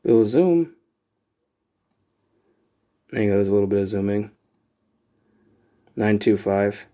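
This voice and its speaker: Unboxing things for his channel, a man talks slowly in a fairly low voice. His chat is relaxed and meandering, packed with filler words.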